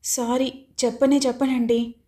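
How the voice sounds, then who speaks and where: A woman's voice: fairly high pitch, level tone, measured pace, dark tone, close to an everyday voice. A woman voicing a tearful young woman in an audiobook who stubbornly refuses to answer.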